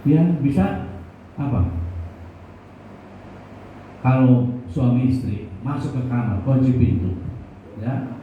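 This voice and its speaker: A man's voice: mid-range voice, animated, slow, long pauses. A man preaching a sermon in a church, joking with the congregation and putting questions to them. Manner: jokey, conversational, asks the congregation questions. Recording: distant, echoey, phone-like, faint noise.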